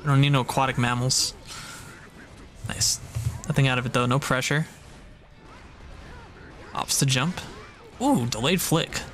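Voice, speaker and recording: A man doing live play-by-play commentary on a fighting game tournament, jokey and excitable, munching on food as he talks. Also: medium pitch, a little slow, long pauses. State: eating while talking. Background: music playing behind.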